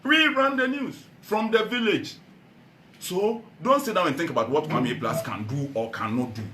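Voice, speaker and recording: A man with a Ghanaian accent giving a rousing political speech to a meeting, swinging from loud calls to low earnest tones. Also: normal speed, roomy sound, slight background noise. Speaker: party founder addressing a meeting.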